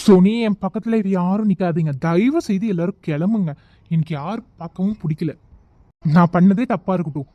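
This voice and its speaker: A woman's voice: on the low side, fairly quick, highs cut off, soft background music, natural voice. A woman voicing a hot-tempered young male college student in an amateur audio drama, talking curtly and snapping at others to leave him alone. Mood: agitated. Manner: curt, snapping, pleading to be left alone.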